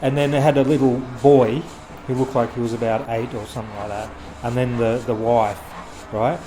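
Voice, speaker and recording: Rambling male street photographer, halting delivery, with traffic noise behind him. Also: mid-range voice, little pitch movement, mellow, poor audio. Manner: rambling, halting, many restarts and fillers. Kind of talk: casual storytelling to camera.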